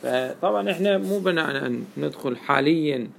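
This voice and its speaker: Gravelly-voiced man teaching. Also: on the high side, lively intonation, fairly quick, a little hiss or hum. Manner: explains step by step, quizzing students with questions. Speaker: teacher of Quranic exegesis. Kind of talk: classroom lesson.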